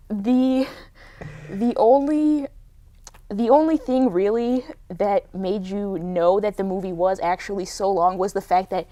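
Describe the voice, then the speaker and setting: A woman's voice: medium pitch, steady tone, slow pace, long pauses, mellow. A young adult woman co-hosting a podcast, chatting casually about a film and filling her talk with "like". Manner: chatty, lots of "like" fillers. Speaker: podcast co-host reviewing a film. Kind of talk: casual chat.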